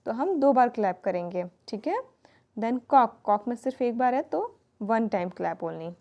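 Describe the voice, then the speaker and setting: A woman's voice: a little high, expressive, darkish tone, dull audio. A woman teacher explaining a children's lesson, spelling words out letter by letter. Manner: reads English lines slowly, spells words letter by letter.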